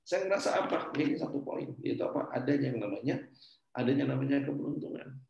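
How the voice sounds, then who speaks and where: A middle-aged man from Indonesia, a business coach telling a personal faith story to his class in an earnest way, swinging between loud and soft. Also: mid-range voice, lively intonation, fast, gravelly, roomy sound, muffled recording, a little hiss or hum. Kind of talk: motivational religious talk to a class.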